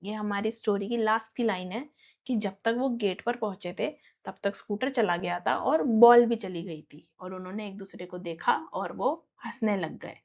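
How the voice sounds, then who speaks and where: A woman teacher, explaining a textbook lesson and reading English lines slowly before she explains them. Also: mid-range voice, creaky, a little mellow, dull audio.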